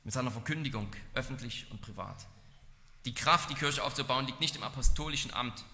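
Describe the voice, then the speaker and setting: A man's voice: medium pitch, fairly quick, bright, forceful tone. Earnest male preacher in a reverberant hall. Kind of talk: expository sermon.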